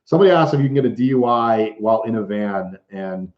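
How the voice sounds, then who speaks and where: A male livestream host chatting casually through a Q&A, often stumbling and restarting his sentences. His voice is mellow and dark in tone. It sits in a roomy, echoey space with a dull, lo-fi stream sound. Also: lowish voice, animated. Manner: halting, restarts often while reading viewer comments. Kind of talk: casual live Q&A chat.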